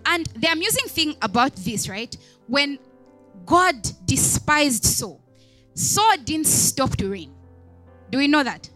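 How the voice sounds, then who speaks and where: A woman's voice: sits high, sing-song, slow pace, pushed and bright, soft background music. A young woman, a deaconess, giving a conversational sermon, chatty, with many asides and questions put to the congregation. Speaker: deaconess preaching.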